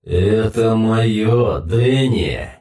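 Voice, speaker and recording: A man doing a drawn-out metallic alien-suit voice. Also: fairly low pitch, dark tone, echoey room. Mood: cold menace. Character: towering alien-suited man, cold and menacing. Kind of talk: audiobook narration.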